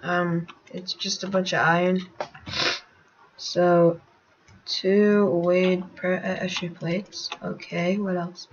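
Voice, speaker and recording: A woman casually narrating her gameplay as a channel host, rambling with many fillers and sudden excited outbursts. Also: on the low side, takes it slowly, dull audio, slight background noise.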